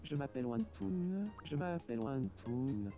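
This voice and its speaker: A man's voice: fairly high pitch, sing-song, unhurried, vocal fry, dark tone, faint music behind, exaggerated voice. A synthetic male voice speaking for a player's game avatar, with clipped, computer-made delivery. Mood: flat greeting.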